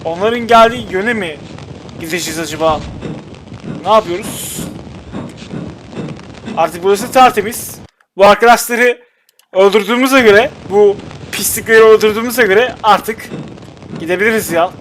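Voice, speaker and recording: A young man hosting a gaming channel provides let's play commentary, chatting and muttering to himself and to the game characters as he plays. His high-pitched, slightly bright voice moves at normal speed with long pauses, over game music and sound effects, with a little hiss or hum.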